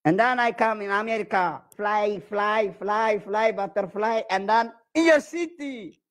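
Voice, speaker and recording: A man's voice: high voice, a little slow, a bit bright. A man with an Eritrean accent speaking broken English, playfully flirting and boasting as a comedian on a video chat. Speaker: comedian prank-chatting.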